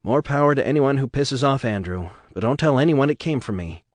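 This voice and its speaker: A man voices a blunt, wry woman, pitching himself above his own voice while staying close to an everyday sound. His delivery is mid-range, animated, and brisk, captured with clean studio sound and no room noise.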